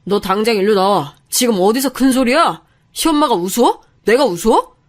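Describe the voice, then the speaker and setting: A woman voicing an angry young husband who yells and accuses his wife in a narrated story. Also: fairly high pitch, expressive, normal speed. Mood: angry yelling. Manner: yelling, accusing.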